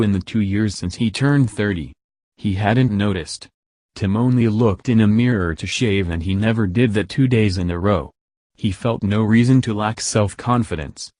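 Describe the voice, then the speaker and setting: A man reading an audiobook in a steady, measured narration, recorded close to the mic. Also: lowish voice, no room sound.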